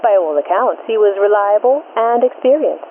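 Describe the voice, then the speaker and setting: A mid-range, animated female voice hosts and narrates a 1940s-style radio mystery from a script. She builds suspense with short, measured, deliberate phrases, and the sound is tinny, band-limited vintage radio with static.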